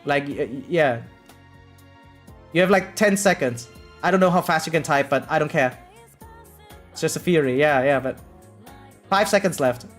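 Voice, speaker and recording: A man's voice: a little high, normal speed, pauses often, soft background music. A man live streaming and chatting casually with viewers in a rambling, repetitive, slangy and profane way, often checking in with a tag question. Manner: frequently tags sentences with "right?". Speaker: variety game live streamer.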